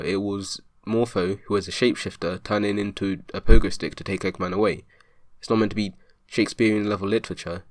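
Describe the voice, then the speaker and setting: A man's voice: fairly low pitch, no room sound, studio quality. Exasperated man rebutting point by point. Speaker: video commentator rebutting a review. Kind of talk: argumentative commentary.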